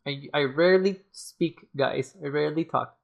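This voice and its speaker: Her voice is losing out, and it shows: she sits low with vocal fry, talking at a normal speed. Reviewing a tarot deck on video in a casual way, she hesitates, uses many fillers, and keeps restarting.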